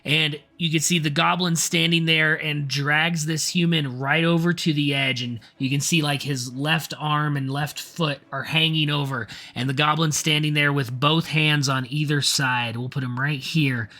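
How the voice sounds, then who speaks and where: Bright-voiced man running a tabletop game. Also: on the high side, fairly even intonation, moderate pace, hardly any pauses. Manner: descriptive, reads rules aloud. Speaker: dungeon master.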